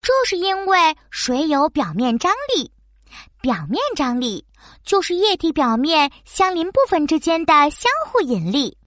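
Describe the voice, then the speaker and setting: A woman voicing a small, friendly, knowledgeable frog in a children's science cartoon, speaking in a frog voice punctuated with croaks and explaining things like a little teacher. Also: high-pitched, a bit bright, dry recording, clean studio sound.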